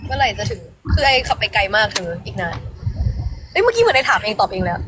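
A woman chatting quickly and excitedly with a friend on a casual live stream. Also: high-pitched. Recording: noisy live-stream audio.

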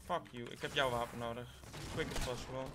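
A man from the Netherlands giving live gameplay commentary. He is excitable, swears a lot and mixes English slang into his talk, and his voice jumps to high shrieks when he panics. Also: brisk, heavy background noise. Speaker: gaming YouTuber.

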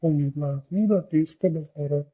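A man voicing a hungry ghost who gloats about eating the children he has caught, talking in a booming, relishing way. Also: a little fast, husky, phone-quality sound. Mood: menacing.

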